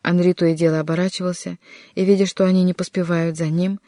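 An audiobook narrator reading a historical adventure novel in an even, measured way. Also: mid-range voice, no room sound, studio quality. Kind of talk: scripted narration.

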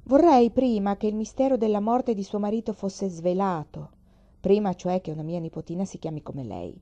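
Woman reading haughty grandmother, forceful, sharp-tongued, dark voice, dull recording. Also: fairly low pitch, very animated, normal speed.

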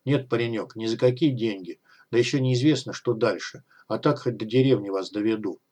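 A man voicing a gruff, weary male guide who gives blunt instructions in an audiobook. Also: mid-range voice, brisk, a little mellow, close to an everyday voice. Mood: gruff, instructing.

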